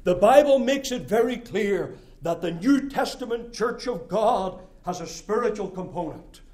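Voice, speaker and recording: A middle-aged man from Scotia, preaching a sermon, emphatic and rhythmic, swinging from loud declarations to quiet asides. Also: high voice. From Nova Scotia, Canada.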